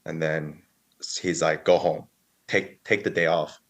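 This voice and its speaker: A man's voice: very deep voice, fairly even intonation, measured pace. A man in his early thirties, a podcast guest telling his story in a casual, rambling way, full of fillers and quoted dialogue. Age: 30s.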